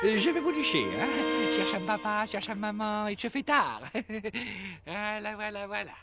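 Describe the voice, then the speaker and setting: A man's voice: lively intonation, unhurried, vocal fry, over loud music, full character voice. An actor playing a vain, lovesick Martian king in a cartoon, boastful and theatrical in his delivery. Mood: showing off. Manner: boastful, theatrical, swoops in pitch. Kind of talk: cartoon voice acting.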